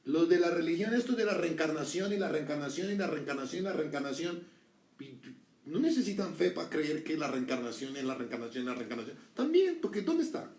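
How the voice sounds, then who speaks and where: A man's voice: a little high, brisk, a little mellow. A middle-aged man preaching a sermon in a casual, conversational way, full of rhetorical questions and little acted-out quotes. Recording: echoey room, voice from a distance.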